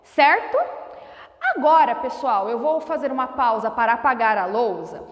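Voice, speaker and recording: A woman teacher giving a phonetics lesson at a whiteboard. She sounds out words very slowly and deliberately. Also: a little high, muffled recording. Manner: slow, deliberate over-enunciation of sounds. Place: classroom with a whiteboard. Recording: echoey room with long reverb.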